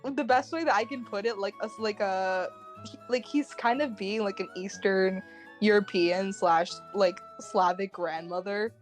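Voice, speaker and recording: A woman's voice: medium pitch, normal speed, faint music behind. A young woman chatting casually on a livestream about writing her game, rambling through many fillers. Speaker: streamer and game writer.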